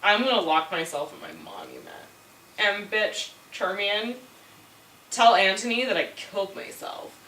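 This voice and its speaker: A woman's voice: mid-range voice, big pitch swings, unhurried, pushed and bright, voice pushed down. A tipsy woman doing a bratty self-centered queen. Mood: scheming. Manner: bratty valley-girl drawl. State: drunk. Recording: echoey room, mic at distance, faint music.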